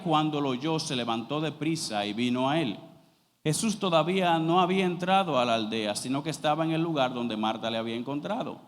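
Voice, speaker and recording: A male pastor delivers a sermon in a church, his somewhat high voice carrying a long reverb through the hall. He reads scripture slowly and deliberately, then presses his points with growing emphasis. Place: church sanctuary.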